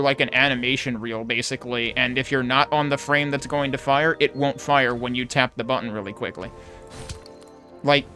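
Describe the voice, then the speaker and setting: Medium in pitch and a bit bright, the man's voice carries casual, analytical commentary on the game he's playing. Game music runs underneath as he reasons aloud critically.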